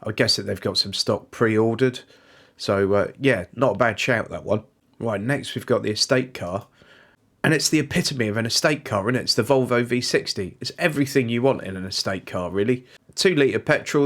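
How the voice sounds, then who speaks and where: Reeling off figures for prices and specs, a chatty British man from the UK runs a car leasing channel. His voice is mid-range and fairly bright at a normal speed, and he sounds slightly congested from a cold as he delivers his casual, informal review monologue.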